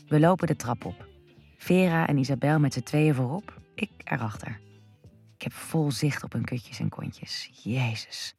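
A woman narrating an erotic first-person story in a breathy, hushed, intimate voice that drifts into whispers. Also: rumbling low, dry recording, clean studio sound.

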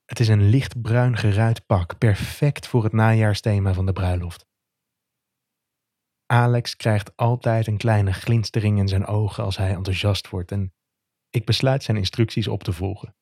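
A man with a lowish, mellow voice reads a romantic first-person story. He keeps it soft, intimate and measured, close and dry with no room around him. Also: steady tone, no room sound. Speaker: narrator.

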